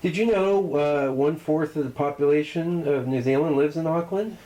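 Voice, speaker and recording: A man's voice: a little high, moderate pace, mellow, slight background noise, rough recording. A man telling stories in a casual podcast chat. He swears freely, rambles, and restarts his sentences. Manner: loose, profane storytelling. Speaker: podcast co-host.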